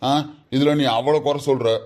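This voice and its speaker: A man playing a calm, reasoning son. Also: medium pitch, moderate pace, close to an everyday voice. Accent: Kanyakumari Tamil. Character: patient son and husband, calm peacemaker. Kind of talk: family comedy skit.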